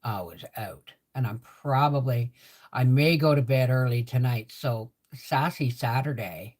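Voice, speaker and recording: Speaking in a very deep, slightly mellow voice at a measured pace, an older woman hosts a laid-back livestream chat. Her mouth is swollen and sore after dental work, so her rambling, conversational words come out a bit muffled, and she repeats phrases to stress them.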